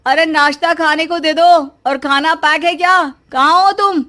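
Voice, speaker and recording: A woman's voice: very high voice, steady tone, measured pace, pushed and bright, exaggerated voice. A woman voicing a spoiled, careless young husband in a cartoon story, dismissive and whiny.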